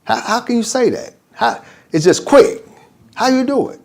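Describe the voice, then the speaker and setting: An older man acting as imam gives an informal religious lesson, animated and digressive, drifting off topic and acting out conversations. His voice is very high, with vocal fry, at a moderate pace.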